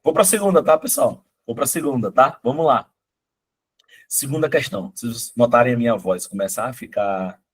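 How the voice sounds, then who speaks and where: A middle-aged man runs a live online math exam-prep class, his mid-range voice husky and hoarse because of a cold. His style is chatty and coaxing, and he keeps checking in with the students.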